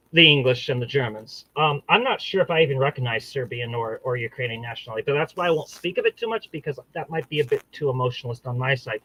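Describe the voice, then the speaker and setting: A man's voice: a little high, a bit bright, no echo, low-quality recording. A man hosting his own channel, giving a combative, profane solo monologue that rambles and restarts mid-sentence. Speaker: channel host.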